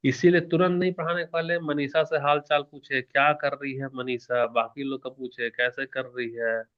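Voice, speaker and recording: A male teacher giving an exam-prep lecture in a lively manner, asking questions and answering them himself while shifting between soft and loud. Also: medium pitch, moderate pace, lo-fi sound. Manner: animated, varies loudness and pace, asks questions and answers them himself.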